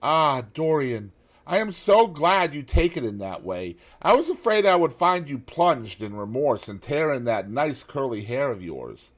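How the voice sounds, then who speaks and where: A male audiobook narrator puts on a worldly, witty gentleman from a classic novel, giving him a raised, lilting upper-class tone well above his usual low register. The airy, knowing character speaks loud and bright, very animated and a little slow, with an urgent yet airy mood.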